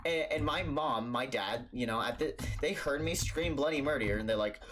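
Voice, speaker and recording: A man's voice: medium pitch, moderate pace. A young man telling a childhood story for a storytime vlog, rambling and stammering with lots of fillers.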